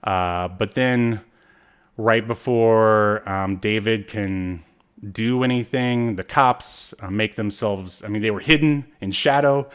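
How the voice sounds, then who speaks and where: In a casual, hesitant recap of a TV episode, this podcast co-host rambles along at a slow pace. His voice is fairly low, clear and resonant.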